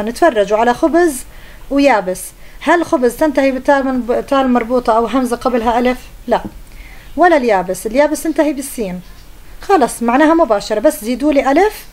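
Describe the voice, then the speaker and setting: Woman teacher, fast-paced, fairly high voice, patient grammar lesson. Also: a little mellow. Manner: patient, checks in with pupils often. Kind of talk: explaining a grammar lesson to pupils.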